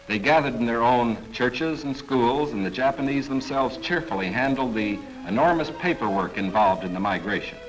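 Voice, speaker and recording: A man's voice: medium pitch, animated, poor audio. Man narrating an old newsreel over music. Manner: formal, measured, authoritative delivery. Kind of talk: 1940s government newsreel narration.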